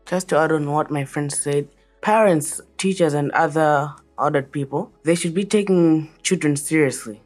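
A woman's voice: deep voice, normal speed, darkish tone, faint music behind. A teenage girl from Malawi answering interview questions in an earnest, careful way. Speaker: child guest.

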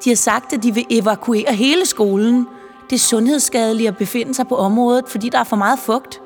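A woman voicing a busy, chatty mother who explains things in a quick, talkative way. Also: fairly high pitch, lightly acted. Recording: reverberant with faint music.

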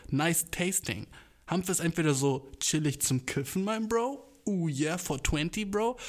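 A man hosting his own podcast, rambling in casual chat, swearing a lot and dropping English slang into his rants. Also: on the high side. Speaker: podcast host.

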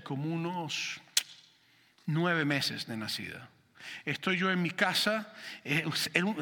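A man preaching a sermon in church, telling a personal story with animated delivery and asking the congregation questions. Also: sits high, long reverb tail. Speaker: pastor.

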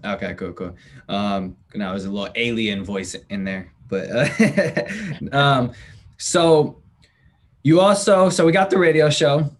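A man's voice: mid-range voice, fairly even intonation, a little slow. A man hosting a podcast interview over a remote call, asking questions in a loose, casual way with many fillers and restarts. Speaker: podcast host.

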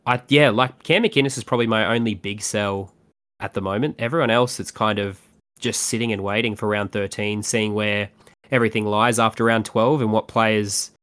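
A man's voice: on the low side, steady tone, moderate pace, a bit bright. A man co-hosting a podcast in casual sports fantasy chat. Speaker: podcast co-host.

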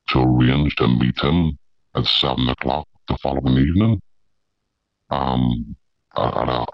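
A man, his voice disguised and pitched very deep, telling his story in an interview, halting with many fillers and restarts. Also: vocal fry, no echo, dull audio. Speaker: amateur paedophile hunter.

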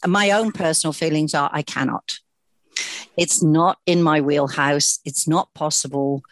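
A British woman hosts a podcast in a casual, chatty way. Her voice is low for a woman, and the recording is dry, with very little room sound. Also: dry recording. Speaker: podcast host. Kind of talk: casual podcast introduction and chat.

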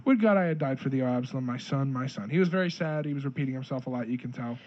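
A man's voice: medium pitch, very fast, darkish tone, dull audio. A man co-hosting a casual podcast, reading King James verses aloud and then retelling them jokingly in everyday words. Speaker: podcast co-host reading scripture. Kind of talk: casual Bible reading and discussion.

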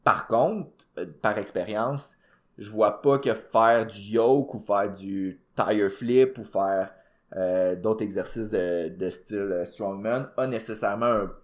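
Speaking slowly in a fairly low voice, this Québécois man co-hosts a fitness podcast and works as a powerlifting coach. His explanations of training are relaxed, peppered with fillers and English gym vocabulary.

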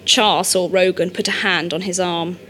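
A woman reading an audiobook, narrating in a measured, steady storytelling manner. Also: on the low side.

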